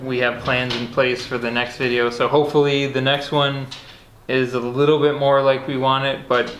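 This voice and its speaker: A man's voice: medium pitch, normal speed. A man co-hosting a vlog, explaining plans for the channel in a loose, rambling way. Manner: rambling, relaxed, with restarts. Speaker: vlog co-host. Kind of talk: casual outro chat. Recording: echoey room, faint noise.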